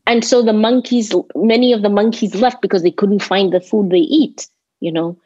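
A woman's voice: mid-range voice, steady tone, moderate pace, a little mellow, slightly rough. A woman with a Kenyan accent talking reflectively as an interview guest, thoughtful and given to emphatic repetition. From Kenya, grew up in Nairobi. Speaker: interview guest, landscape designer. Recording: roomy, slightly dull lo-fi audio.

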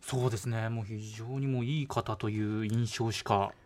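A man's voice: fairly low pitch, steady tone, moderate pace, darkish tone. A man co-presenting a radio talk in a polite, agreeable and deferential way.

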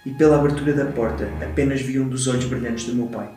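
A young man with a European Portuguese accent, co-hosting a casual chat and reading short horror stories aloud in a teasing, hurried way. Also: mid-range voice, steady tone, distant mic, over music. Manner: teasing, rushes through his readings. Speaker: podcast co-host. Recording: very echoey room.

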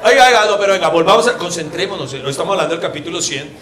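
A man with a Colombian Spanish accent co-hosts a casual comedy podcast, his high, fairly bright voice racing along. He tells stories and teasingly mimics his friend. The room sounds roomy, with audience laughter.

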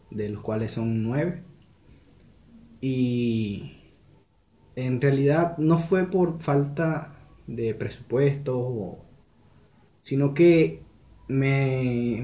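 In a conversational interview, a young Venezuelan man answers questions earnestly and reflectively in his Venezuelan accent. His voice is warm and medium-pitched, and the room is echoey.

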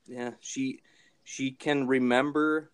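A man co-hosting a casual comedy podcast, with a deadpan, wry way of joking. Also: medium pitch, slow pace, clean tone, no room sound. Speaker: podcast co-host.

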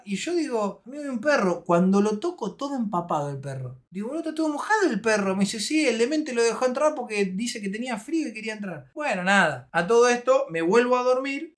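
A man with an Argentine accent casually telling viewers a story in a loose, slangy, self-mocking way, often trailing off and restarting. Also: sits high. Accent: Argentine Spanish. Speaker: streamer telling a travel story.

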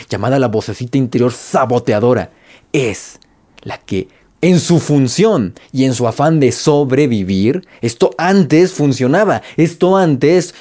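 A motivational vlogger with a Mexican Spanish accent gives a casual talk to camera, speaking conversationally with slang and repeating phrases for emphasis. His voice is medium-pitched and mellow.

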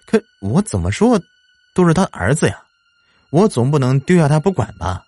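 A man's voice: fairly low pitch, animated, normal speed, dry recording. A man voicing an impatient young man who works at a funeral home, speaking brashly in an audio story. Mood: pleading. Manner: brash, slightly irritable.

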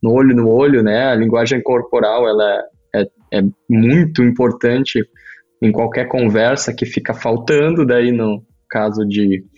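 A man chatting casually as host, explaining things in an articulate, measured way. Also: medium pitch, steady tone, a little mellow, muffled recording. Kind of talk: casual chat.

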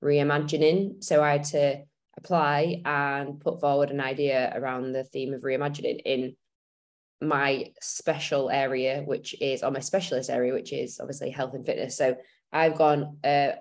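A woman's voice: low voice, a little mellow. A woman co-hosting a health and fitness podcast, chatting casually and rambling with fillers as she explains. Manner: rambling, many fillers and restarts. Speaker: podcast co-host.

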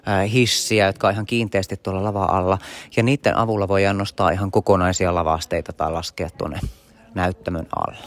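Chatty man guiding a tour. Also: deep voice. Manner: chatty, guiding listeners through spaces. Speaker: podcast host. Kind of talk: walking tour narration.

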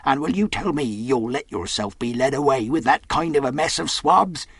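A brave honest sailor, as a male narrator puts him on, his voice hoarse and shaking and pitched well above the reader's own. He speaks earnestly in plain seaman's grammar. The sound is dry and close. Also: normal speed, fairly bright tone, no room sound. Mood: pleading. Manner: earnest, pleading then defiant.

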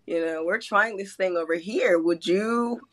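A young woman from Mexico speaks a little slowly in a medium-pitched, fairly bright voice. She's a guest artist in a casual chat, giggling, laughing often, and rambling as she talks.

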